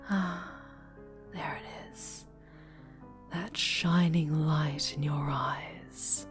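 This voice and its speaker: A woman voicing a fallen hero turned possessive villain, speaking in a soft, breathy, menacing whisper in an audio roleplay. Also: on the low side. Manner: taunting, cloying, menacing.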